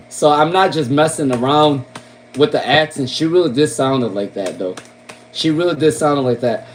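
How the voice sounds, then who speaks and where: A fairly high-pitched man with a Long Island accent gives a relaxed tarot reading on a live stream, with a little hiss or hum in the background. He's chatty, says "um" often, repeats names and questions, and ends his points with "okay?" and "all right?"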